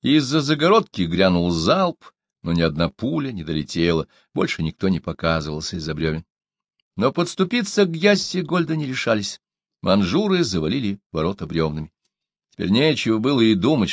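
A man narrating an adventure story in an audiobook, in a measured storytelling manner. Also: on the low side, no echo, studio quality.

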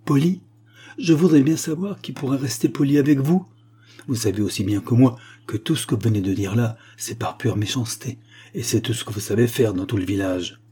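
A man voicing an angry, sharp-tongued spinster who scolds with indignation. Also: on the low side, steady tone, a little fast, slightly rough. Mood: indignant.

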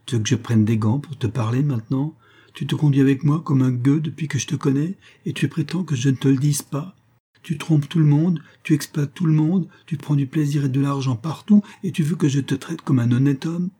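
A man's voice: lowish voice, steady tone, fairly quick, dark tone, slightly rough. A man reading an audiobook, voicing a furious, betrayed woman who scolds her lover with indignant scorn. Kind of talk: audiobook character voice.

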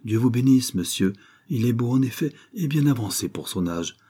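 A man voicing a stout, red-faced boatman's wife, worried and talkative, raising his pitch for her. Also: expressive, normal speed, mellow, husky. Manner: fretful, talkative, pleading. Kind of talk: audiobook character reading.

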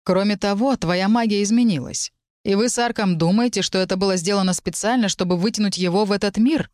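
A woman's voice: mid-range voice, brisk, darkish tone, no room sound, lightly acted. A guarded young male necromancer, read by a woman narrator, speaks in muted, terse phrases. His voice stays close to the reader's own. The recording is dry. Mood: tense.

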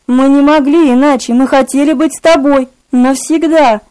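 A woman voicing a tender young woman who pleads softly and breathlessly in an audiobook reading. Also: high voice, fairly even intonation, moderate pace, no room sound, pitched above the performer's own voice, natural voice, poor audio. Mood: adoring. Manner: soft, imploring and breathless.

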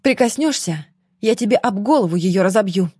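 A woman's voice: mid-range voice, lively intonation, normal speed, darkish tone, slightly rough, no echo, clean studio sound. Woman doing a fiery, defiant young woman. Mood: threatening.

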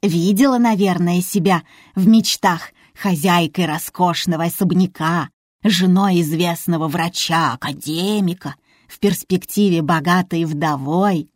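A woman reading aloud as a snide, scolding old woman who speaks slowly. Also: lowish voice, no echo, studio quality.

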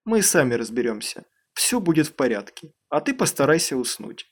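Narrator guy doing a calm dad, soft and firm, soothing tone. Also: a little high, normal speed, breathy edge, heavily acted. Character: gentle, firm middle-aged father.

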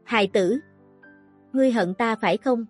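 A woman's voice: fairly high pitch, moderate pace, no echo, soft background music, lightly acted. A woman voicing a blind, broken old male prisoner who speaks with sorrow and regret. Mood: grieving. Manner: sorrowful, sighing.

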